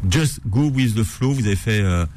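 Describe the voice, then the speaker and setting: A man's voice: on the low side, expressive, moderate pace, warm tone, slight background noise. A man hosting a book show, interviewing a guest in a conversational way and asking leading questions. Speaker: host, interviewer.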